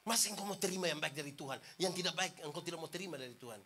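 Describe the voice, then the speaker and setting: A preacher doing a stern, low-voiced biblical sufferer. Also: male voice, very fast, sharp tone, a little hiss or hum. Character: suffering old biblical man scolding his wife.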